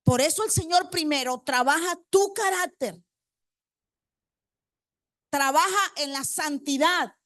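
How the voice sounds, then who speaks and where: A woman's voice: high-pitched, slow, pauses often, a bit bright, dry recording, studio quality. A woman preacher delivering a congregational sermon. She quizzes the congregation with rhetorical questions and repeats key phrases for emphasis.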